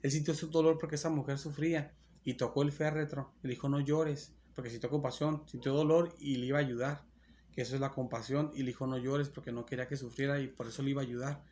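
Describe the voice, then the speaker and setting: A man's voice: mid-range voice, steady tone, fast talker, darkish tone, slight background noise. Earnest, repetitive male preacher. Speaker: pastor. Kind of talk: sermon.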